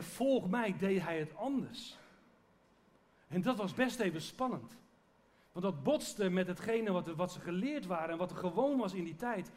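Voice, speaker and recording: Preacher, male, higher-pitched, earnest conversational sermon with restarts. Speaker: pastor.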